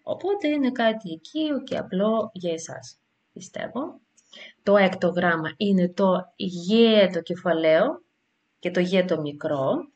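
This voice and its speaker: A woman teacher giving a beginner language lesson, explaining slowly and carefully with frequent hesitations and sounding out example letters and words. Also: fairly low pitch, lively intonation, a little mellow, highs cut off.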